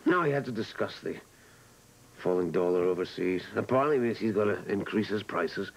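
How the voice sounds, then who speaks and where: A man's voice: lowish voice, expressive, a little fast, rough recording. A man acting in a daytime soap opera as a husband and club owner who sounds defensive, evasive and pleading.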